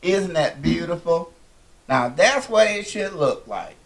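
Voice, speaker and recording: A guest cook in his fifties chats in a folksy, effusive way during a casual cooking show set in a home kitchen and dining room. His fairly high voice is expressive and a little slow, with vocal fry.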